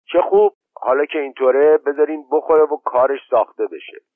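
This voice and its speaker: Man putting on a nasty scornful young villager, pitched up, tinny dry audio. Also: no echo, lightly acted. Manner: scornful, quarrelsome. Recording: tinny phone-like narrow band.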